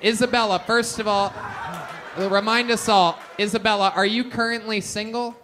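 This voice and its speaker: Loud teasing man hosting a comedy show. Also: sits high, fairly even intonation, moderate pace, noisy background. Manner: loud, teasing, often shouting and laughing. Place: comedy club stage with live audience. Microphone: handheld mic.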